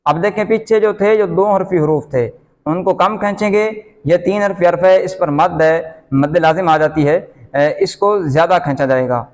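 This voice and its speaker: A man with a Pakistani Urdu accent gives a slow beginner's lesson, drawing out each letter sound and calling it out loudly. His voice sits slightly high. The recording rings with a long, hall-like reverb. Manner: patient, repeats letter sounds slowly and loudly. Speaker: Quran reading teacher.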